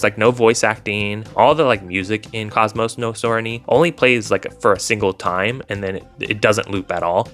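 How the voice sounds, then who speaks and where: Over background music, a male video host reviewing visual novels gives informal, rambling commentary full of hedging. His voice is lowish and a bit bright.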